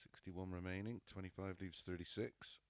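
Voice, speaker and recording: A man's voice: low voice, fairly even intonation, normal speed, crowd noise. A man giving live darts commentary, describing play and players' statistics.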